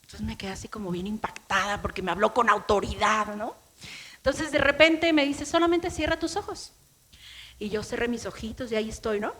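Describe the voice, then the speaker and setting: A woman's voice: mid-range voice, fairly even intonation, fairly quick, pushed and bright. A middle-aged woman pastor with a Mexican accent, preaching a sermon in a chatty storytelling way and acting out her own past words. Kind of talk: sermon with personal testimony.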